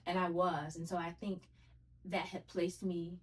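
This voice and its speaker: A woman's voice: on the low side, little pitch movement, a little slow, far from the mic, poor audio. A woman guest telling her dating story in casual podcast chat, earnest and reflective.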